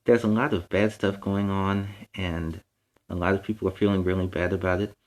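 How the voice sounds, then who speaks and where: Brisk and steady, with a voice that sits low, the man leads a children's story time as a superhero character. Between passages he offers playful explanations of words and lessons for the young audience.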